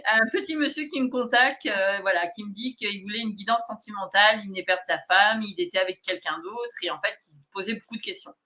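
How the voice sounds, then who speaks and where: A woman medium telling anecdotes in a casual interview, animated and laughing often. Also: medium pitch, a little fast, few pauses. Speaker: medium, guest. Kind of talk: casual storytelling.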